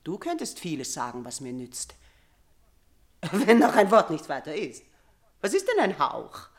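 A woman's voice: low-pitched, huge pitch swings, measured pace, full character voice. A haunted aging queen. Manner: theatrical, swings from loud cries to hushed near-whispers. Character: aging queen mother haunted by nightmares, fearful and imperious. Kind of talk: 1950s radio drama acting.

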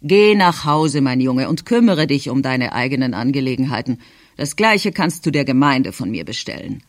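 A man's voice: mid-range voice, big pitch swings, normal speed, no room sound, clean studio sound, natural voice. A man reading aloud and voicing a blunt, proud old grandfather who gives curt orders. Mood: gruff. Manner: curt, commanding.

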